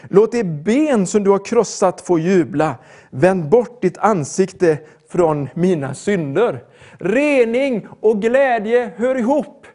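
An older man preaching a sermon in an earnest, emphatic way, mixing slow solemn points with quicker storytelling. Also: high-pitched, warm tone.

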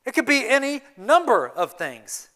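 A youth pastor preaching a sermon in his church, his voice high and bright, with a sharp, forceful edge. He swings between hushed, earnest passages and emphatic pushes. It is a steady pulpit delivery, not a chat. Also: moderate pace. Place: church sanctuary.

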